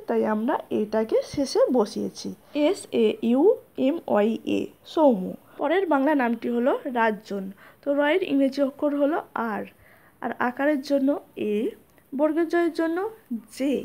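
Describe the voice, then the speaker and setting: A woman teaching a spelling lesson, spelling out letters one by one in a slow, methodical way. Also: high voice, warm tone.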